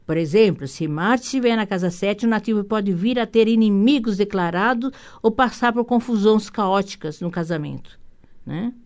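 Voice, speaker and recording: A Brazilian woman hosting a radio talk show, explaining astrology in a rambling way, with many restarts and tag questions. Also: medium pitch. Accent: Brazilian Portuguese. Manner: rambling, warm asides with frequent "né?" tags; hurried, many restarts and repeated words. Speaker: radio show host and holistic psychotherapist.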